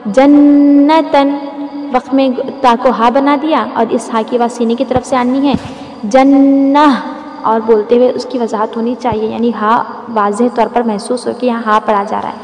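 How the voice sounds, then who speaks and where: High-voiced woman teaching recitation, echoey room. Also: steady tone. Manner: patient and explanatory, with drawn-out reciting of example words. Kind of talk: tajweed lesson with demonstrations. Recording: echoey room with long reverb.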